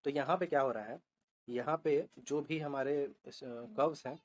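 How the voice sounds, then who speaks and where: Man, shorthand teacher, steady explaining voice, spells out letters, asks and answers himself. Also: mid-range voice, normal speed. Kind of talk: explaining a lesson on a board.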